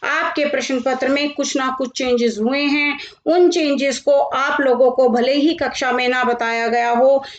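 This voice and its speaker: Slow, deliberate woman teaching grammar. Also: high voice, fairly even intonation. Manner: slow, deliberate, spells out word lists one by one. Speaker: Hindi teacher. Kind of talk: classroom grammar lesson. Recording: roomy, slightly dull recording.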